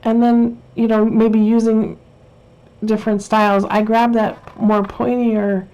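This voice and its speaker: Mellow-voiced woman teaching a craft. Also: a little high, flat delivery, measured pace, lo-fi sound. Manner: chatty, rambling, self-correcting with frequent fillers. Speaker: Bible journaling instructor. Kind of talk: casual craft tutorial.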